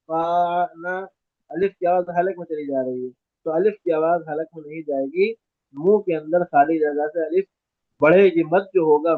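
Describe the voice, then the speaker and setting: A man with a Hyderabad Urdu accent teaches Quranic letter sounds in a fairly high voice. He explains each letter's articulation and then drags out the sounds slowly and repeatedly for the student. The recording is dry and thin, like a phone line. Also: no room sound. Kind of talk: Noorani Qaidah phonetics lesson.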